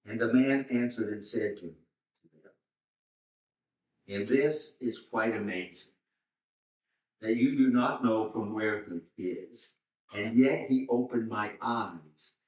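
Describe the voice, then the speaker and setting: An older man, a seminary professor, slowly reading and explaining scripture to a class. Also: fairly low pitch. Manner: slow, deliberate, pauses to explain Greek words. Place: church hall. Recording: roomy church hall, mic far off.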